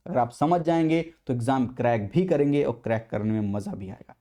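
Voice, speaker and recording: A man's voice: mid-range voice, expressive, fairly quick, warm tone. Emphatic man teaching an exam class. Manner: emphatic, repeats points for stress. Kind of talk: Hindi-English exam prep lecture.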